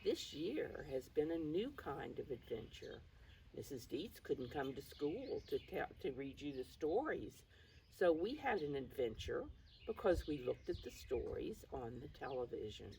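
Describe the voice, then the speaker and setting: A mature woman with a low-pitched, creaky voice reads a picture book at a measured pace, her intonation animated. As a preschool storytime teacher she's encouraging, speaks directly to the young children, and explains simply, heard through a distant mic with faint noise.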